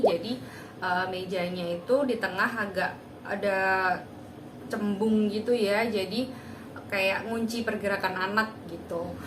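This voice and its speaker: A woman's voice: reverberant, background noise. A young woman hosting a parenting channel, explaining a home teaching routine in a casual, chatty way with many filler words. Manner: chatty, many fillers, breaks into high sing-song child-directed demos. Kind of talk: casual tutorial talk. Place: home room.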